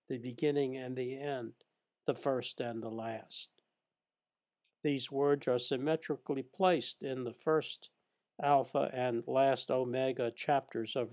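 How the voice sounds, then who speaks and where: A man reading a scripted Bible study lecture, reading scripture passages in a measured, even way. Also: mid-range voice. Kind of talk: scripted narration.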